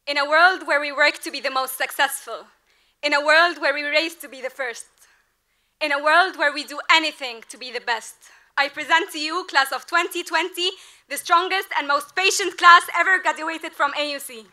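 A young woman in her twenties gives a commencement speech at an outdoor podium. Her voice is high and bright, and her delivery is earnest and rhetorical, rising to emphatic peaks. She speaks into a podium microphone. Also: moderate pace. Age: 20s. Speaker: graduating class representative. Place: large outdoor ceremony at a podium. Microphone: podium mic.

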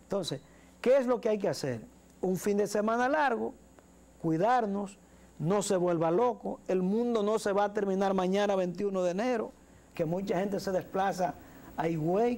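A man in his forties with a Dominican Spanish accent speaks in a high-pitched, darkish voice. Co-hosting a studio talk show, he gives earnest political commentary, gesturing as he talks and repeating words. He's recorded on a lapel mic.

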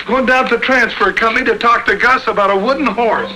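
An actor playing a folksy, decisive cowboy sidekick in a 1940s western film. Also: male voice, extremely high pitch, steady tone, quick pace. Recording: old 1940s film soundtrack.

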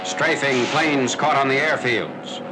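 Male narrator, mid-pitched, for a 1940s newsreel: formal, measured battle-report delivery on a hissy old film soundtrack. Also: steady tone. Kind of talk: scripted wartime newsreel narration.

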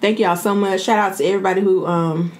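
An American woman in her thirties chatting casually as a mukbang host, talking while eating and pausing to chew. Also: medium pitch, steady tone. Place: indoor room.

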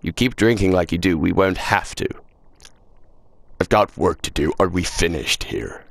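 A man's voice: low voice, moderate pace, gravelly. A man reading game dialogue aloud while alternating between two voices, one of them a vaguely British-sounding official. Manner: swears casually. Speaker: let's play gamer.

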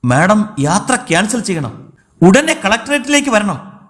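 A man voicing an anxious male government officer who delivers urgent news in a worried, hurried way. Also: sits high, big pitch swings, fairly bright tone, full character voice.

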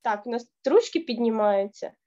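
A woman's voice: on the high side, animated, moderate pace, mellow, dull audio. A woman vocal teacher leading a children's online singing lesson, patiently coaxing and counting in, a little ill with a cough. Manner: patient, coaxing, counts in and models chants and melodies.

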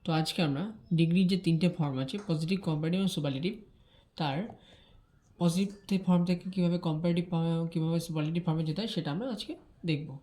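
A woman teaching English grammar, explaining rules quickly and repeating key terms to check that students follow. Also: low voice, steady tone, mellow.

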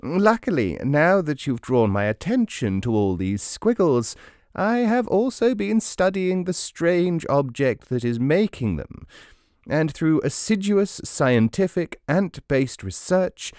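A man's voice: on the high side, very animated, takes it slowly, a little mellow, no room sound, studio quality, voice pushed up. A man voicing a pompous, know-it-all ant who lectures in a condescending, pedantic way in a storybook reading. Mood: lecturing, smug. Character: pompous know-it-all ant, fussy self-appointed scientist.

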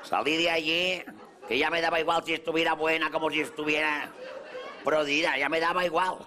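A man with a Mallorcan Spanish accent does stand-up in a café, playing a boastful self-styled latin lover for a live audience that laughs in the background. His voice sits a little high, brisk and sharp in tone, with a flat delivery and some chatter behind him.

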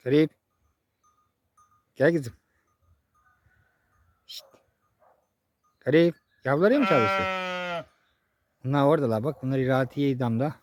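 A young man vlogging outdoors in a village pasture, chatting to viewers and calling out loudly to his animals. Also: medium pitch, unhurried, long pauses, background noise. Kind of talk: casual chat to camera.

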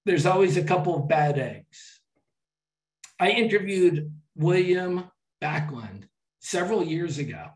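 Chatty man speaking in an echoey hall. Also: a little high. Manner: chatty storytelling with restarts. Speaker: travel speaker. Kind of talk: public talk to an audience.

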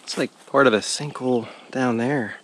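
A man narrates his own hiking vlog from outdoors in a forest. He speaks in a calm, steady, careful way, and his voice sits at a middle pitch. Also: normal speed, slight background noise. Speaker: hiking vlogger.

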